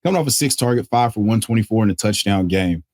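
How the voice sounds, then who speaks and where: A man hosting a casual fantasy football waiver breakdown, excitable and joking, correcting himself on the fly. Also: fairly low pitch, dry recording, clean studio sound. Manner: excitable, joking asides, quick self-corrections. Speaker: fantasy football analyst host. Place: at a desk indoors.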